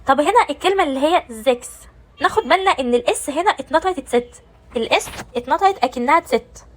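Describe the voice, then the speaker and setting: A woman's voice: high-pitched, expressive, quick pace, a little hiss or hum, rough recording. A woman with an Egyptian Arabic accent teaching German pronunciation, explaining step by step and answering her own questions. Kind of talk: pronunciation lesson.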